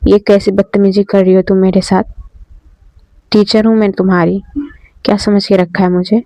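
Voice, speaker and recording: A woman's voice: medium pitch, level tone, normal speed, warm tone, dry recording, natural voice. A woman voicing a strict, irritated female college teacher who scolds sternly. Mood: angry scolding.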